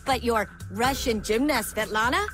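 A woman's voice: on the high side, normal speed, music in the background, lightly acted. An actress playing a bossy, competitive teenage girl in a cartoon, blunt and commanding. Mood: scornful, demanding. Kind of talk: cartoon voice acting.

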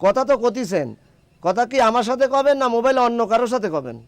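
Brief: a wisecracking young shopkeeper, high bright voice. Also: male voice, sing-song, fast. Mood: teasing. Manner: wry, bargaining, teasing. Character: cheeky young male phone-shop owner, a wisecracking stickler for rules. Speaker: phone shop owner.

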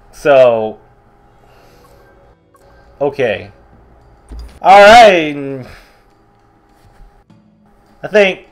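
A young man casually commentating a video game with a friend, joking and swearing, with sudden excited outbursts. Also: fairly high pitch. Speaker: let's play gamer.

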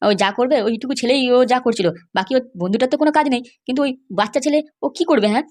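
Sly scheming fixer, rapid and boastful, voiced by a woman. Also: high-pitched, darkish tone. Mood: reassuring. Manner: glib, boastful and reassuring. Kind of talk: cartoon voice acting.

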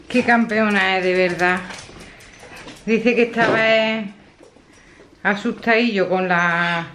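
A woman's voice: a little high, a little hiss or hum. A woman in her fifties talking casually to a phone camera at home in a home vlog, chatty and affectionate, rambling with fillers. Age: 50s. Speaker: vlogger. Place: at home, indoors.

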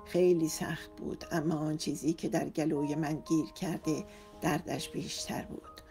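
A woman narrates a romance novel in a low, mellow voice with an emotive, dramatic first-person delivery. Faint instrumental music plays beneath her. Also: steady tone, gravelly. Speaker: audiobook narrator.

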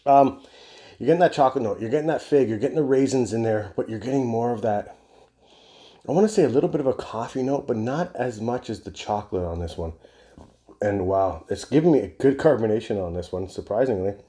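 In his home bar, a video host in his forties reviews beer with a brisk, expressive delivery and a warm mid-range voice. He chats to the camera in an enthusiastic, wandering way and swears casually.

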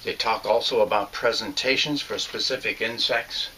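An older man narrates a fly fishing lesson at normal speed, his lowish voice steady yet sharp in tone, with a light hiss or hum present. His plain, earnest talk includes a few fillers and restarts, coming from a small room at home with shelves.

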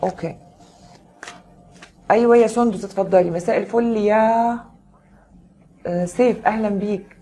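A woman's voice: medium pitch, moderate pace, long pauses, warm tone. A woman with an Egyptian Arabic accent giving a tarot reading on a live stream, chatting with viewers and greeting them by name. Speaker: tarot reader.

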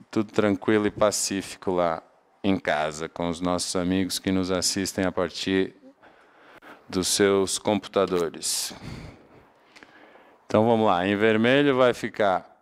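In this classroom lecture, a Portuguese man with a European Portuguese accent teaches English grammar by asking questions and answering them himself. He has a low, smooth voice.

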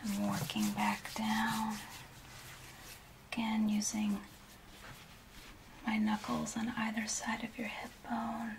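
Speaking in a breathy whisper with a fairly high pitch, a woman in her thirties moves slowly and leaves long pauses during a gentle, instructive ASMR massage role play. She is in a small indoor room. Rubbing sounds fill a clearly noisy recording.

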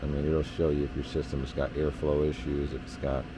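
An HVAC technician, a man with a very deep voice, briskly explains the system readings in a laid-back, hands-on manner in the basement furnace area. Fillers crop up a lot, and the background is noisy.

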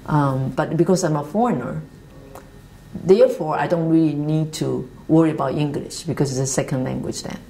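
A Taiwanese woman in her fifties, with a Taiwanese accent, speaking earnest, halting English with restarts as she tells her life story, seated in an office meeting room. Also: deep voice, mellow, slight background noise, poor audio. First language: Mandarin Chinese. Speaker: interviewee. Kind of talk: reflective life-story interview.

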